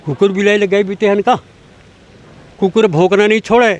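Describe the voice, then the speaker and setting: A man's voice: high-pitched, steady tone, normal speed. An older man with a Chhattisgarhi accent, answering an interview in an emphatic, lecturing way, asking rhetorical questions as he argues. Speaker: language activist.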